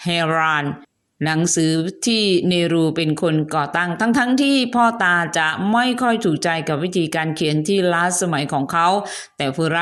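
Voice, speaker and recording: A woman with a slightly low voice narrates a history episode. She talks in a relaxed, chatty way, breaking off for friendly asides and polite particles. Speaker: host.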